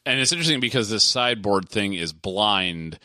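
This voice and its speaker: A man with a low, bright, forceful voice co-hosts a casual gaming podcast and keeps breaking in with quick agreements. The sound is close and dry. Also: expressive, no echo. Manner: chimes in with short agreements. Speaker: podcast co-host. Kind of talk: casual esports chat.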